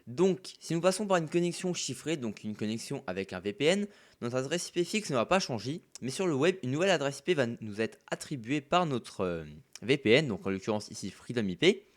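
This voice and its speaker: Man calmly walking through a tech tutorial. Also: medium pitch, fairly quick. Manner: relaxed, step-by-step instructions with fillers. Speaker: tech YouTuber. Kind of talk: screen-recording tutorial voice-over.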